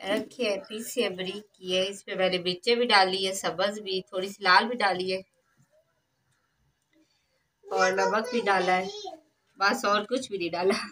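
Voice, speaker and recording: A woman's voice: mid-range voice, steady tone, moderate pace, pauses often, bright, forceful tone. Young woman from Pakistan, chatty cooking vlogger who laughs a lot, light background noise. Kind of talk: casual cooking vlog. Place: rural courtyard, outdoors and in a brick kitchen.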